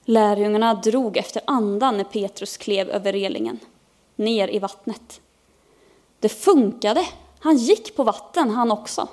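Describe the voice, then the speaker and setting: A woman pastor preaching in a church service, reading a children's Bible story aloud with expressive storytelling. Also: mid-range voice. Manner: expressive storytelling, lifting her voice for characters' cries.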